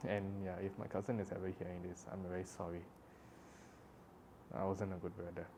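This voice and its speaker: A young man with a slightly low voice speaks in a halting, rambling way. He restarts often, fills his pauses and sounds emotional and apologetic. A faint background hum sits under his voice. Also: flat delivery. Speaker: vlogger. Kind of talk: personal storytelling monologue.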